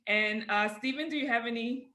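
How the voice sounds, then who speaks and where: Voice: mid-range voice, a little fast, pushed and bright. A host moderating an interview, upbeat as they thank the guest and wrap up. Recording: roomy echo.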